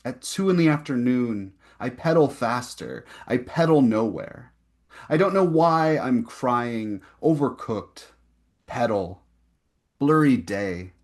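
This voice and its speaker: A young adult man at an online poetry reading, reading his poems slowly and deliberately with chatty, filler-heavy asides between them. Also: medium pitch, animated, a little mellow. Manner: slow, deliberate reading with rising emphasis on repeated lines. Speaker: poet reading his work.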